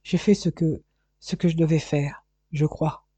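A man's voice: a little high, steady tone, a little slow, mellow, husky, no room sound. A man voicing a proud young woman who answers coldly and bitterly, on a dull, dry recording. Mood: firm. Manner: cold, firm, bitter.

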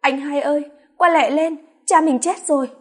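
A woman's voice: sits high, moderate pace, pitched above the performer's own voice, natural voice. Woman doing a frantic young sibling. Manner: breathless urgent shouting. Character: frantic young sibling bringing bad news.

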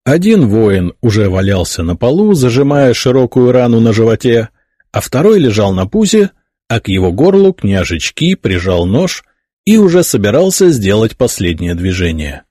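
A man narrating an audiobook with expressive storytelling. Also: mid-range voice, moderate pace, no room sound, studio quality. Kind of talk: scripted narration.

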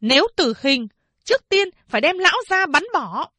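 Woman playing a shrill, furious shrew. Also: animated, sharp tone, no room sound, studio quality, soft background music. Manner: shrill, scolding, rapid accusations. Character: shrewish middle-aged woman official, furious, scolding.

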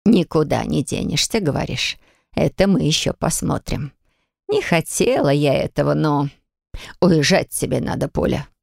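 A woman reading an audiobook, voicing a shrewd, steady old grandmother who speaks slowly and deliberately. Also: low-pitched, vocal fry, no room sound, clean studio sound. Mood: grave. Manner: slow, measured, knowing.

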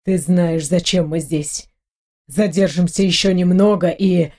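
A woman reading an audiobook, voicing a grim male security officer who talks low and clipped. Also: fairly even intonation, a little slow, darkish tone. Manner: low, clipped, through the teeth.

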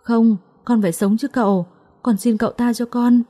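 A woman's voice: on the high side, fairly even intonation, moderate pace, warm tone, close to an everyday voice. A woman doing a naive pleading servant girl. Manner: tearful, begging.

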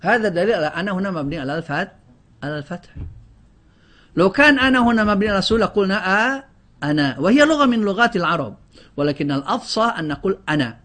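With a high, sing-song and fairly bright voice, a man rattles off a grammar lesson at rapid-fire speed. He drills word lists, quizzes the students, and keeps breaking off words to restart them.

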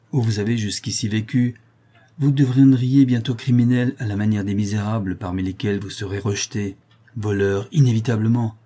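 Man doing stern aristocratic father, cold, accusing, commanding, husky, storybook reading. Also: on the low side, dark tone.

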